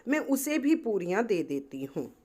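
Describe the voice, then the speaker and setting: A woman's voice: mid-range voice, sing-song, moderate pace, warm tone. A woman reading as a chiding mother. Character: scolding mother calling from the kitchen.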